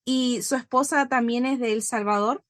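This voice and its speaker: A woman's voice: fairly high pitch, steady tone, moderate pace, no room sound, studio quality. A woman hosting an interview, asking friendly questions and reacting with affirming remarks. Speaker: interview host.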